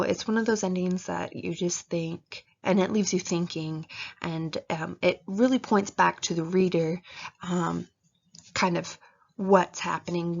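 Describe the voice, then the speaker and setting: Gravelly, husky woman giving chatty writing tips. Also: lowish voice, darkish tone. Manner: chatty, many fillers, acts out reader reactions. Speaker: writing advice presenter. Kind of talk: casual instructional talk. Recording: dull lo-fi recording.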